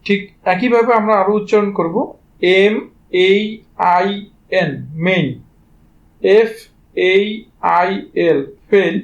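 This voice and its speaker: High-voiced Bengali man teaching pronunciation. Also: takes it slowly, pauses often, muffled recording. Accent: Bangladeshi Bengali. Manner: spells words letter by letter before saying them; addresses students directly and informally. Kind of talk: spelling-based pronunciation lesson.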